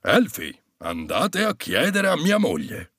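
A man's voice: on the high side, wildly swooping pitch, takes it slowly, fairly bright tone, slight background noise, voice pushed up, full character voice. A man doing a kindly old Santa. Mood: good-natured. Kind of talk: children's storybook voice acting.

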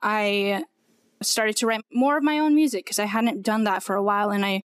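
A woman's voice: medium pitch, steady tone, moderate pace, clean tone, no room sound. Young woman guest telling her story, lots of "like", dry close mic. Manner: earnest, storytelling, many "like" fillers. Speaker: podcast guest. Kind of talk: personal testimony in conversation.

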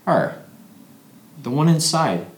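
A man's voice: a little high, very animated, slow pace. A man playing a drugged, injured young man whose mouth is bleeding, rambling and repeating himself in an audio drama. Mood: wistful. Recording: roomy echo.

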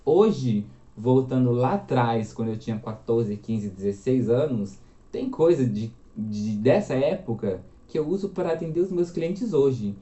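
A man in his twenties from Minas Gerais, talking as a guest in a casual interview and telling his story in a chatty, lively way. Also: mid-range voice, unhurried, echoey room, highs cut off. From Minas Gerais, Brazil. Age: 20s.

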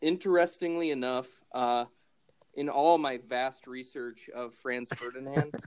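A man co-hosting a casual comedy podcast, with a deadpan, wry way of joking. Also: medium pitch, a little slow, smooth, no echo. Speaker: podcast co-host.

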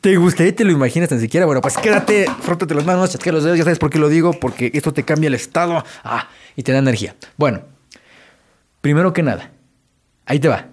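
A Mexican Spanish man delivers a motivational self-help monologue, speaking in a fairly high voice. He talks straight to the listener in a casual, direct way. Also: fast, slight background noise. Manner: direct, conversational, addresses listener as tú. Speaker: self-help podcast host.

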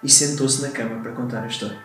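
Young man, European Portuguese accent, rapid reading, teasing, podcast chat, very echoey room. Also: mid-range voice, fairly even intonation, a bit bright, far from the mic, soft background music. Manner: teasing, rushes through his readings. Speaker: podcast co-host. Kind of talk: casual chat, reading horror stories aloud.

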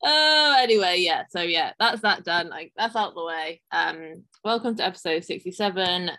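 A woman's voice: fairly low pitch, expressive, moderate pace, bright, forceful tone. Woman host with a slight lisp. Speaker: podcast co-host and fitness coach. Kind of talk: casual podcast chat.

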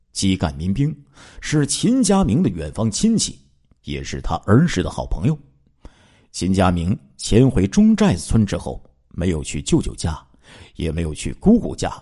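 A man's voice: low voice, dark tone, breathy edge. A man narrating a true-crime case in a dramatic storytelling way, with asides to his listeners.

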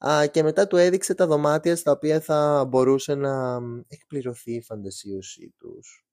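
A man's voice: on the high side, a little mellow, no echo, clean studio sound. Chatty young man telling a true crime story. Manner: chatty, joking asides, slangy. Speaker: true crime podcast host. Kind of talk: casual storytelling narration.

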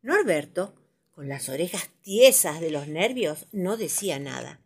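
A woman narrating children's stories as a storyteller, with a lively, dramatic reading style. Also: fairly low pitch, measured pace, husky.

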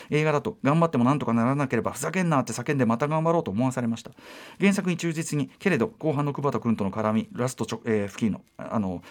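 Fast-talking, lively male radio host. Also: medium pitch. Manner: rapid, lively delivery with many fillers and asides. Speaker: radio show host reading listener emails. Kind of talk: radio film review talk.

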